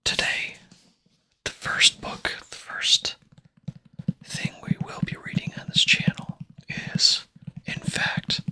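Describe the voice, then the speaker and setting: Whispering softly and breathily, this ASMR host reads from a book in a slow, calming, hushed manner.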